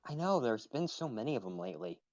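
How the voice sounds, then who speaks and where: A man on a muffled, lo-fi voice chat, chatting casually while he plays. He hesitates a lot, restarting his sentences as he works out what to say. His voice sits at a middle pitch and sounds dry and close. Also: very animated, quick pace, darkish tone, no echo. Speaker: fellow player.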